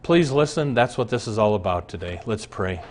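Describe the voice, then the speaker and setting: A man's voice: fairly low pitch, lively intonation, a little fast. A middle-aged man preaching on a televised show, earnest and rising to emphatic peaks on key points. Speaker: pastor. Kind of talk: televised sermon.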